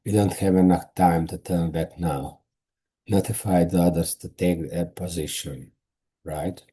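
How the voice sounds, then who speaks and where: A man voicing a tense, wary male space-marine major, in a slow, careful read. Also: low voice, steady tone, dark tone, husky. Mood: uneasy. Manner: slow careful reading with stumbles.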